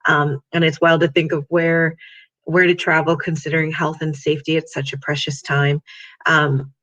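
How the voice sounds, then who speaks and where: A man's voice: fairly high pitch, little pitch movement, normal speed, sharp tone. A man moderating a panel discussion, rambling with many fillers. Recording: dull lo-fi audio.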